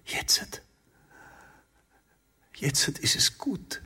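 A man voicing a playful young country woman, whispering softly. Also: on the high side, expressive, a little slow, vocal fry, slightly rough, big-room sound, voice pushed up, heavily acted. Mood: tender.

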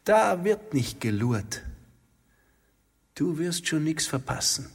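A man's voice: fairly high pitch, big pitch swings, slow pace, slightly rough, in a large hall, voice pushed up, exaggerated voice. A man whispering as a teasing country woman. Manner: whispering, playful.

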